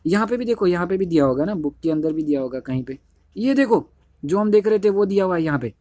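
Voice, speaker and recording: A man's voice: high voice, animated, fast, dark tone, dry recording, studio quality. A young man teaching a chemistry lesson in casual Hindi classroom style, repeating himself and correcting slips as he writes. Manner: repetitive, keeps saying "dekho", self-correcting. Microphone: phone held while writing on screen.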